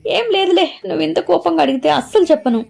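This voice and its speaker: A woman's voice: very high-pitched, fast talker, gravelly, darkish tone, voice pushed up, heavily acted. A woman voicing a sulky, pouting young woman in love who scolds and pleads.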